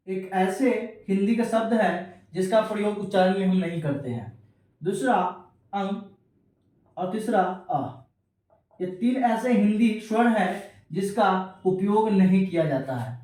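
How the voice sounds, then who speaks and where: A man teaching an exam-prep grammar lesson, repeating key terms slowly and calling his students children. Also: high-pitched, a little mellow. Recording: very echoey room, distant from mic.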